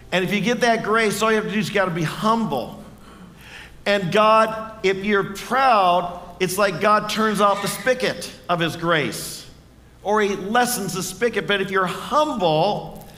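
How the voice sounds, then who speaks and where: A man's voice: sits high, a bit bright, in a large hall. A man preaching a sermon in a church, earnest and conversational, often asking the congregation questions. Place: church sanctuary.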